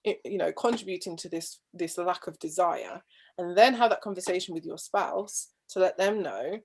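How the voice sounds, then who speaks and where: A woman's voice: fairly low pitch, moderate pace, darkish tone, a little hiss or hum. A woman, a guest speaker on marriage, heard over a video call with a patchy connection, talking earnestly and restarting her phrases often. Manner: thoughtful and earnest, with frequent restarts and trailing phrases. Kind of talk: conversational discussion.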